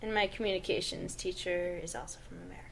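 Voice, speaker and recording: A woman's voice: fairly low pitch, very animated, fast talker, slight background noise. A young woman co-hosting a podcast, chatting in an upbeat, rambling way with many fillers. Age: young adult. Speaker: podcast co-host. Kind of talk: casual chat.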